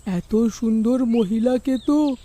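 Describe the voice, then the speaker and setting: A woman's voice: fairly high pitch, slow pace, dark tone. A woman voicing a jovial, coaxing village husband in a cartoon. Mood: teasing. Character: easygoing teasing village husband. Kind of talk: cartoon voice acting.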